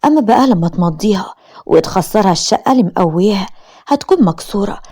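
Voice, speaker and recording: A woman with an Egyptian accent voicing a scheming, cruel sister-in-law in an animated story. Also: mid-range voice, fast, natural voice. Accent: Egyptian Arabic.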